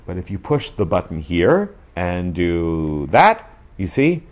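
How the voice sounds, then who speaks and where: This host of a radio review show, a man in his forties, speaks slowly in a deep, sing-song, slightly mellow voice. He gives a chatty, emphatic review to camera from a small living room, recorded on a lapel mic.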